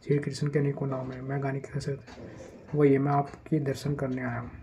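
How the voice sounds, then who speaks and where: Relaxed and chatty, he teaches grammar for an exam, slowing down for each test sentence and then quickening as he flags frequent pitfalls. The voice is mid-range, mellow, and warm, captured in poor audio with a faint hiss underneath.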